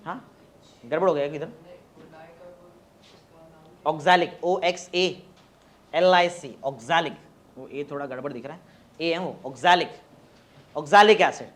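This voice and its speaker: A man's voice: on the high side, a bit bright. Male teacher dictating notes. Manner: dictates slowly, spells words letter by letter; mixes Hindi and English, urging students to hurry. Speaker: chemistry teacher. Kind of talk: classroom lecture dictating notes.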